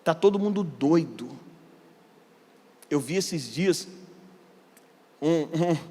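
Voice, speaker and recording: A man with a Brazilian Portuguese accent preaching as pastor, telling a story in a sermon and swinging from hushed asides to loud, climbing declarations. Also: a little high, breathy edge. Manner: animated, swings from hushed to shouting. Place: church hall. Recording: long hall reverb.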